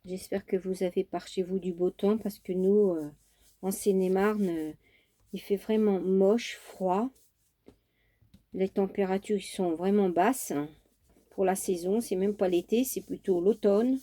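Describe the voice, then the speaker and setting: A woman's voice: mid-range voice, fairly even intonation, a little slow, mellow. A woman chatting casually through a crafting tutorial at her home craft table, homely and talkative, with many fillers. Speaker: craft vlogger.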